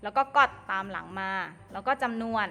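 A woman teaching an English lesson to children, explaining slowly and carefully and addressing them fondly. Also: a little high, pushed and bright. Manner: slow, careful explaining, addresses pupils as "ลูก". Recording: long reverb with faint music.

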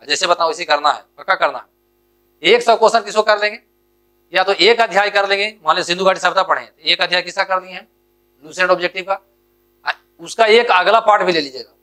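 A man teaching an exam strategy lesson, drilling students with quick questions and answers and urging them on. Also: high voice, pushed and bright.

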